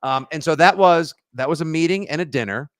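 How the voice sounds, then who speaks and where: New guy cohosting a sports podcast, jokey and animated, dry sound. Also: on the high side, brisk, dry recording. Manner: animated, jokey, slips into silly voices. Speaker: podcast co-host. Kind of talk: casual sports podcast chat.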